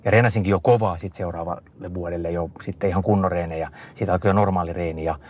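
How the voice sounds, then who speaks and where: A middle-aged man answering an interviewer in casual conversation, telling long rambling stories full of fillers and restarts. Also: low voice. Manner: rambling, lively storytelling with many fillers and restarts. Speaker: interview guest, endurance skier.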